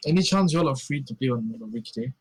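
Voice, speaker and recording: A man's voice: medium pitch, animated, quick pace, husky, dry recording, rough recording. A man playing a tabletop game, talking casually with friends. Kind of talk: casual chat.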